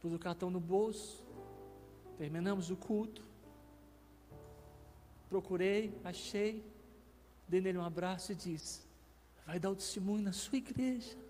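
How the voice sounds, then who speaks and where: A man's voice: sits high, unhurried, long pauses, dark tone, big-room sound, faint music behind. A male pastor with a Brazilian Portuguese accent, telling a testimony in a sermon, with emotional swells. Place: church.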